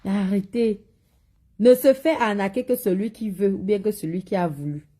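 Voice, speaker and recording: A woman's voice: mid-range voice, moderate pace, warm tone. A woman with a Cameroonian French accent selling spiritual products, talking bluntly in a live video and scolding viewers with repeated warnings. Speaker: seller of spiritual and cosmetic products. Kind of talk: live social media monologue.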